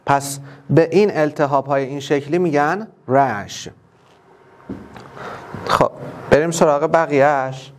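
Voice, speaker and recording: A man with a Persian accent teaching an English class online, explaining each word step by step and repeating it slowly. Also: on the high side, a little hiss or hum.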